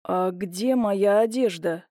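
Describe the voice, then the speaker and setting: A woman voicing a confused, hungover man who speaks slowly and hesitantly. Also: mid-range voice, mellow, no room sound, studio quality, lightly acted. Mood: bewildered. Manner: slow, hesitant, halting.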